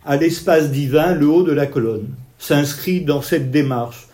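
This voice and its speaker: A man's voice: a little high, unhurried, mellow. A man lecturing on art history at an evening talk, explaining paintings step by step while pointing out details and talking with his hands. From Italian family background.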